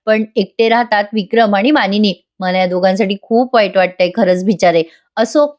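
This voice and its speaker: A woman chatting through a voice-over episode review of a TV serial, talking straight to the viewers. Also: medium pitch. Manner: chatty, addresses viewers directly.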